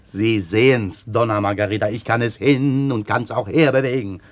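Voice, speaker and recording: A man's voice: lowish voice, steady tone, moderate pace, no echo, close to an everyday voice. An actor playing a polite, deferential hired handyman in a radio play, earnest and eager to please. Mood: assured.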